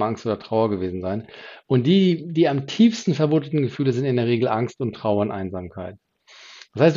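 A man's voice: mid-range voice, warm tone, lo-fi sound. A man hosting a podcast, explaining emotions in a solo teaching talk. He rises and drops his voice often and restarts sentences as he thinks. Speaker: podcast host.

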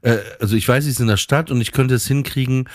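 A young man co-hosting a relaxed bedtime chat, rambling and hesitant as he searches for words. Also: medium pitch, fast, dry recording, clean studio sound. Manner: rambling, hesitant, many ums and restarts. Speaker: podcast co-host.

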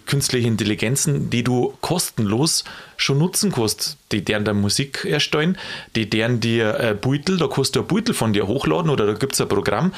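Bavarian guy chatting on a podcast, voice jumps all over, gets excited fast. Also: medium pitch. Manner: excitable, exclaims often. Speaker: podcast co-host. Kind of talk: casual chat.

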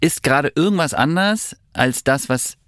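A man's voice: fairly high pitch, lively intonation, normal speed, fairly bright tone, dry recording, studio quality. A man hosting a podcast in a casual, conversational way, interviewing his guest.

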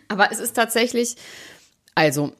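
A woman co-hosting a casual chat, gossiping in a lively, chatty way. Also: medium pitch, unhurried. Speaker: podcast co-host.

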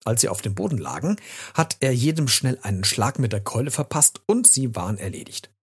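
A crafty, kindly professor from a children's storybook, read by a man. His husky voice lilts through a lively pitch range as he spins tales. The delivery is gentle and playful. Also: brisk. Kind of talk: storybook reading.

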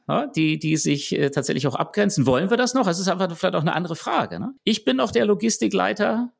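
A man co-hosting a podcast, talking in a relaxed conversational way and telling anecdotes full of rhetorical questions. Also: a little high, creaky. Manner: animated, storytelling with rhetorical questions. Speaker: podcast co-host.

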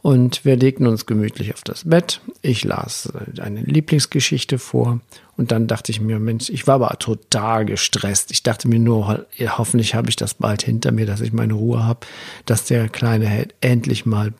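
Gravelly-voiced man telling a story. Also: mid-range voice, steady tone, moderate pace, darkish tone, dry recording, studio quality. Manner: chatty, with fillers and restarts, quoting his child. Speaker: podcast host. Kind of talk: casual storytelling.

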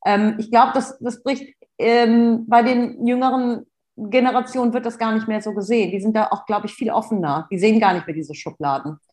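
A woman's voice: on the high side, fairly even intonation, a little fast, a little mellow. Woman podcast host, chatty. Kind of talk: interview and podcast outro.

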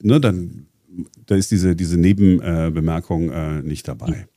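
A man's voice: sits low, a little slow, warm tone, dry recording, clean studio sound. A man presenting on a talk show in casual chat, explaining at length with many hesitations and restarts. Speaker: radio presenter.

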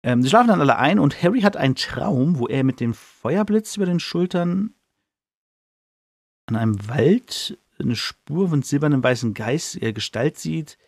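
A man's voice: fairly high pitch, expressive, moderate pace, vocal fry, darkish tone, no echo, studio quality. A man hosting a podcast who casually retells a book chapter in a chatty way, with many fillers and restarts. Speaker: podcast host.

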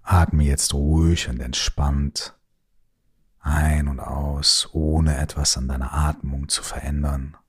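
A man guides a listener toward sleep in a very slow, soothing voice. His tone is deep and a little husky, and he often drops to a soft whisper. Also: level tone. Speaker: meditation guide.

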